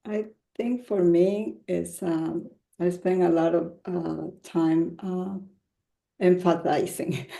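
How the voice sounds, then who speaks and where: A woman's voice: lowish voice, fairly even intonation, slow, gravelly, mellow, echoey room. A woman from Ecuador, a featured poet, answering a panel question hesitantly with many fillers.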